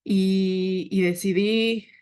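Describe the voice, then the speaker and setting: A woman's voice: mid-range voice, steady tone, drawn-out words, darkish tone, clean tone. Lady telling her team a personal story, earnest and emotional, quotes people a lot. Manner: often quotes herself and others. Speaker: team leader giving a leadership talk. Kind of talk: personal testimony talk.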